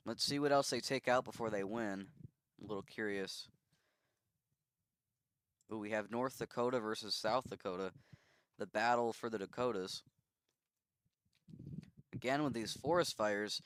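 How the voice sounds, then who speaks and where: A man's voice: medium pitch, fairly bright tone, clean tone, dry recording. A man giving casual commentary on a strategy game simulation, musing and thinking aloud with easy asides.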